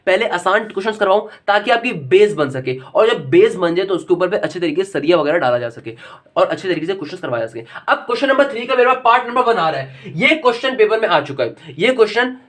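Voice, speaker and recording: Male maths teacher, quick fatherly lecturing delivery that slows for the formulas. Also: high voice, very animated, fairly bright tone. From Pakistan. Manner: fatherly and lecturing, addresses students as "my son"; slows right down when reading out formulas.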